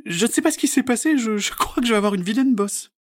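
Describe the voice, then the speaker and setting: A man voicing an eager, excited little girl who dreams of dancing, in a storybook read-aloud. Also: very high-pitched, fast, voice pushed up. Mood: sheepish. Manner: excited, wide-eyed, exclaiming.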